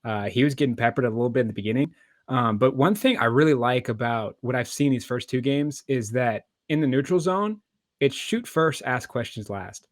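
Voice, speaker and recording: A man with a mid-pitched voice gives casual sports analysis as a podcast co-host. His phrasing is loose and conversational, and the recording is dry. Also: normal speed, dry recording.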